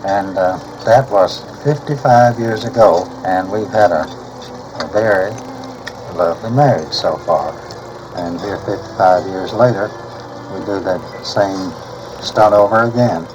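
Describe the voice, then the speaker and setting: A man in his seventies telling a personal story as an interviewee, speaking haltingly with pauses, heard from a worn tape copy. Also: sits low. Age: 70s. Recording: dull worn tape with engine noise.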